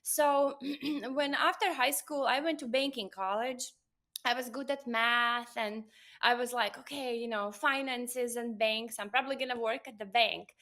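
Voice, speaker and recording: Woman, Latvian accent, forties, interview guest, earnest, slightly high pitch. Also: a little slow, fairly bright tone. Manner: earnest, storytelling, frequent "uh" and "you know". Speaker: guest, doctor of Oriental medicine. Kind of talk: interview conversation.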